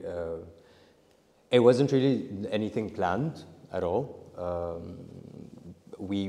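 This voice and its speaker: A young filmmaker, his voice sitting low with a dark tone, is interviewed about his film in a large hall. His answers ramble, with frequent restarts.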